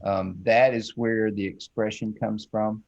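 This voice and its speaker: A children's book illustrator talks through a drawing demo in a folksy, playful, casual way, calling himself silly. His fairly low voice is steady and a little slow, with vocal fry and a slightly mellow tone, and the highs are cut off.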